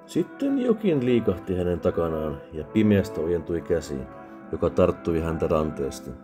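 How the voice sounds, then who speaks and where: A man reading a fantasy audiobook in a calm, soft ASMR narration style. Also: low-pitched. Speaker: audiobook reader.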